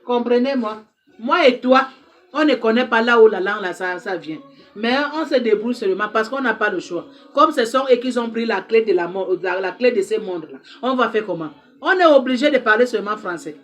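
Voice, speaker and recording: Speaking French as a non-native, this woman acts as an advice counselor in an impassioned talk straight to camera, pressing her listeners with repeated, emphatic appeals. Her voice is fairly high, expressive, fairly quick and fairly bright.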